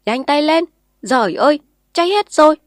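A woman voicing a bossy old village man who yells orders in alarm at a fire. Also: high-pitched, lively intonation, normal speed, dry recording, studio quality, pitched above the performer's own voice. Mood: frantic shouting. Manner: yelling in alarm.

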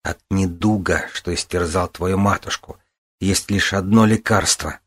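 Man voicing a grave priestess figure, slow, low, husky, stern. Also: steady tone. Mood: stern measured. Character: stern, sorrowful enchantress, lady of Avalon.

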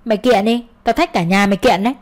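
A woman's voice: mid-range voice, quick pace, close to an everyday voice. A woman doing a scornful old father-in-law. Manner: scornful, contemptuous.

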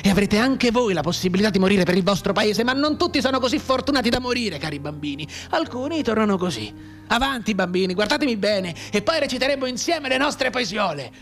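A male actor in a radio drama voices a bitter, maimed young war veteran, anguished and sardonic, in a declamatory, impassioned monologue. His voice is high, expressive and a bit bright, moving a little fast. Music plays beneath him.

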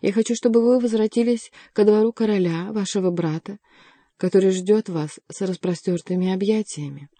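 A woman's voice: medium pitch, moderate pace, dark tone, no room sound, natural voice. A woman reading the part of a scheming aging queen mother who pleads in a honeyed, imploring tone. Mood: pleading.

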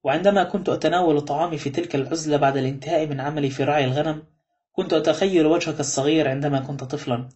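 A man reading the lines of a calm, grateful older male ex-convict in an audiobook, quietly and evenly. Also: on the high side, dull audio, lightly acted.

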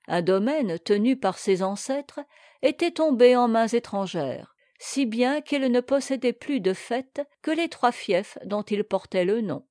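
A woman reading a classic tale aloud in a measured, expressive way. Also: on the high side, no room sound, studio quality. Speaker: audiobook narrator. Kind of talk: storybook reading.

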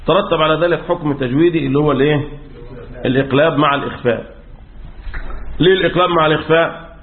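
A man teaching Quran recitation rules in Egyptian Arabic, asking questions and answering them himself, often clearing his throat. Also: on the high side, fast talker, echoey room. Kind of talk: religious lesson on recitation rules. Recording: tinny phone-like audio.

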